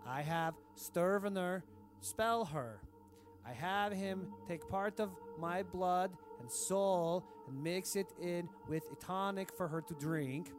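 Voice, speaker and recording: Pompous tyrant king, played by a man, slow broken grammar, raised pitch, music bed. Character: cruel pompous self-adoring dictator king, adult man. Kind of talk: comedic audio diary reading.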